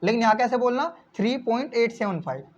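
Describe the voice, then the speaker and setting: A man's voice: very high voice, expressive, fast. A male maths teacher explaining step by step, asking questions and answering them himself, repeating key points and calling his viewers friends. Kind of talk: classroom-style maths explanation. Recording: slightly dull lo-fi recording.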